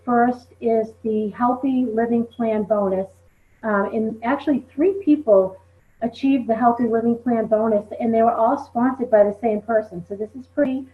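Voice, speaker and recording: A woman leading a team recognition call, speaking conversationally and peppering her talk with "you know". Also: fairly high pitch. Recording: tinny phone line.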